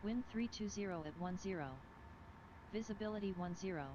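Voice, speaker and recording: Automated airport weather broadcast, flat machine-like voice over a dull hissy radio. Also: medium pitch, fairly quick. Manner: flat, even, mechanical reading of figures. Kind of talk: recorded information readout. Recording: muffled noisy radio broadcast.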